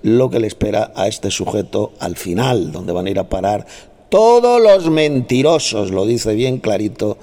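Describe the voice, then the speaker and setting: A man's voice: fairly low pitch, moderate pace, hardly any pauses, warm tone. A man leading a Bible study who explains verses with conviction and scolds and mocks his opponents. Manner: combative, scolding, mocking opponents. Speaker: Bible teacher. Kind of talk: heated Bible study debate.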